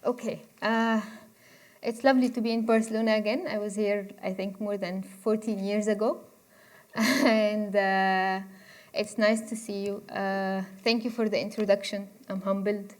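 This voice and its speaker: A guest speaker from Egypt, a woman, gives a conversational university lecture and invites the audience to cut in with questions. Her voice is medium in pitch, and she speaks in a flat, unhurried way.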